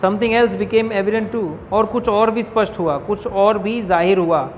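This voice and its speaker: A male teacher explaining an English lesson in Hindi. He reads each English line slowly, then explains it, and often checks in with his class. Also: sits high, lo-fi sound. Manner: keeps checking in with "ठीक है". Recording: reverberant room with faint noise.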